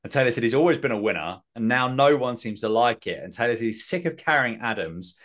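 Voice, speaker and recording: A man's voice: mid-range voice, lively intonation, quick pace, fairly bright tone. A man hosting a podcast, recapping in a rambling, self-mocking way with many fillers. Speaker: podcast host. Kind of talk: casual recap chat.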